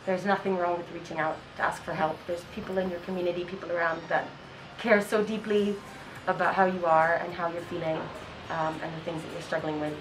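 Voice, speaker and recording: Sitting outside on a school campus, a twenty-something school counseling intern from Kenya answers interview questions earnestly, stumbling through fillers and restarts. She speaks briskly in a lowish, steady voice with few pauses. The rough recording picks her up from a distance, with a little hiss or hum and music beneath her.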